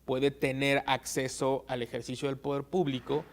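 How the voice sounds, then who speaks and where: A man gives careful, measured answers as an invited legal expert, filling pauses with soft hesitations. His voice is gravelly. He sounds like an interview guest explaining things. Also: mid-range voice, little pitch movement. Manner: measured, frequent "eh" fillers. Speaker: guest expert on election law.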